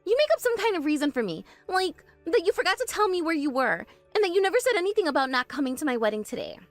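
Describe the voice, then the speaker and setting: Woman voicing a spoiled bossy bride, high shrill voice, lively swoops, dry close sound, soft music behind. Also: quick pace, dry recording, exaggerated voice. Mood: flustered. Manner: shrill, demanding, defensive. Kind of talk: animated story voice acting.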